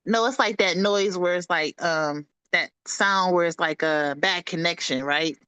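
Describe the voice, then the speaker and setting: A woman's voice: on the low side, a little slow, a bit bright, clear, resonant tone, no echo. A woman on a video call chatting casually in a public meeting, full of "like" and repeating her point. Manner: chatty, repeats herself with many "like"s. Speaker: commission member.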